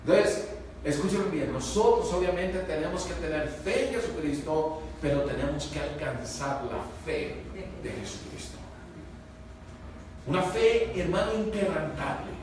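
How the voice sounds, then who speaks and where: A man, a pastor preaching a sermon emphatically, swinging between loud rises and low hushed lines, often asking the congregation for agreement. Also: expressive, unhurried, background noise. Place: church hall. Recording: echoey church from far off.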